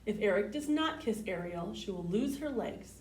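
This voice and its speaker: This storytime host has a medium-pitched voice, lively intonation, and a moderate pace. She reads picture books to young listeners with plenty of expression and asks them simple questions. A distant mic in a roomy space picks up faint background noise.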